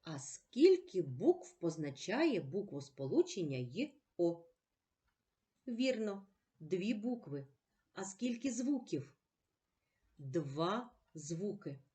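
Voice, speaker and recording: Woman teacher, slow and careful, very lively pitch, lowish voice, patient, asks and answers herself. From Ukraine. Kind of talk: slow, clearly paced reading lesson for children.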